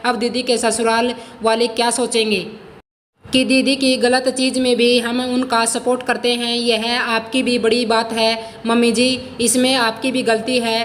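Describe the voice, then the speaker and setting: A woman voicing a sharp-tongued young daughter-in-law in a storybook reading, with a scolding manner. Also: fairly high pitch, level tone, measured pace, big-room sound, a little hiss or hum.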